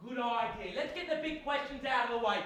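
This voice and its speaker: A man's voice: very high-pitched, brisk, fairly bright tone. A man playing a cheeky, dim minder who wisecracks through a stage farce. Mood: cocky. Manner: wisecracking, direct to audience. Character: cheeky, dim-witted minder, cocky joker. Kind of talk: theatrical farce acting. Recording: echoey distant stage recording, faint noise.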